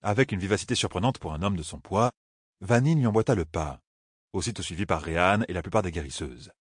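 A man narrating a fantasy novel as a steady audiobook reader. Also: sits low, quick pace, slightly rough, no echo, studio quality. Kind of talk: scripted narration.

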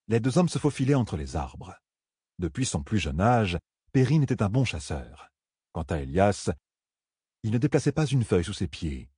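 A man narrating a fantasy novel in a measured storytelling manner. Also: fairly low pitch, mellow, slightly rough, no echo. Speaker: audiobook narrator. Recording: dry close studio sound.

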